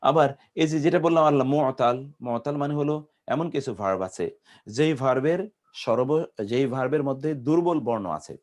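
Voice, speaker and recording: A man with a Bangladeshi accent gives an Arabic grammar lesson at a middle pitch. He breaks conjugations into single syllables and keeps asking his class questions. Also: brisk, a little mellow. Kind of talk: classroom lecture.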